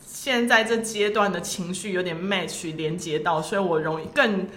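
A woman's voice: on the low side, normal speed, fairly bright tone. A young woman co-hosting a podcast, chatting candidly and emotionally and often laughing. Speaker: podcast co-host. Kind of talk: casual chat. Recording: roomy echo.

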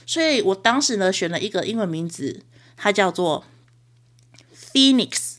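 A woman's voice: medium pitch, lively intonation, normal speed. A young woman with a Taiwanese Mandarin accent, hosting a podcast and telling a story in a chatty, self-mocking way with frequent laughs. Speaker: podcast host. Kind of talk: casual solo storytelling.

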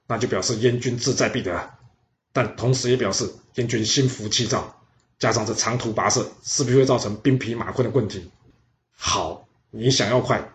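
Guy narrating history stories, chatty, middle voice, roomy kinda dull audio. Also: mid-range voice. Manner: lively, chatty asides to listener. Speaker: storyteller.

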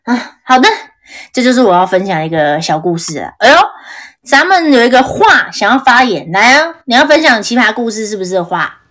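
Lively, high-voiced woman podcast host. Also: a little fast. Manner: expressive, giggly, addresses listeners directly. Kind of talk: casual live podcast chat.

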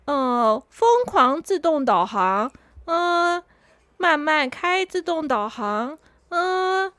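A woman's voice: very high-pitched, fairly bright tone, no echo, heavily acted. A woman voicing an anxious young girl who stammers and sounds close to tears. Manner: stammering, teary.

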